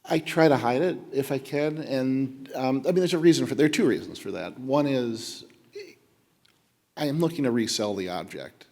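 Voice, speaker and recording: A man's voice: mid-range voice, normal speed, gravelly, a little mellow. A man speaks frankly as an art dealer on a panel. He tells anecdotes plainly. His voice trails into a long hall reverb. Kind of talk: panel discussion.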